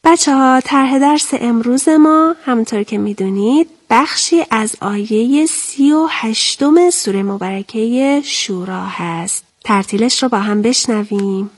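A woman hosting a televised Quran memorization lesson in a studio, explaining with care and slowing down for the verses. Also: fairly high pitch. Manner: careful, deliberate, slows down for quoted verses. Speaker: Quran teacher and host.

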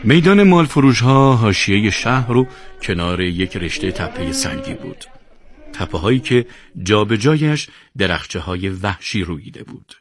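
A man narrating a serialized radio novel in an expressive storytelling voice. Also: on the low side. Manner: expressive storytelling, greets listeners. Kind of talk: scripted narration.

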